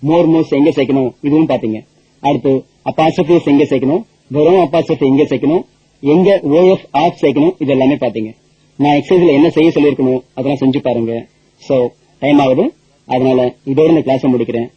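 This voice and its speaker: A man's voice: medium pitch, brisk, warm tone, breathy edge, no room sound. A man teaching a spoken English lesson, drilling points with repeated questions and answers. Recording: dull lo-fi audio.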